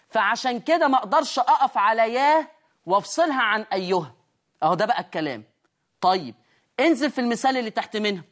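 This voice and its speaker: A woman with an Egyptian accent teaching tajweed on screen, explaining step by step and asking and answering her own questions. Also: a little high. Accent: Egyptian Arabic. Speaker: Quran recitation teacher. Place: studio lesson with a control room.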